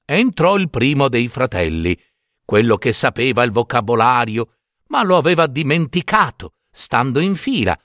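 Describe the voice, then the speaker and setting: A man telling a fairy tale in an animated, playful reading style. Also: medium pitch, moderate pace, dry recording, studio quality. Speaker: storyteller.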